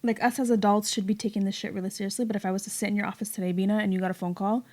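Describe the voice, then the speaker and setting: A woman's voice: mid-range voice, level tone, rapid-fire, darkish tone. Young woman, co-host, casual chat, chatty, trailing off. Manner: chatty, trails off mid-sentence. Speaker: podcast co-host.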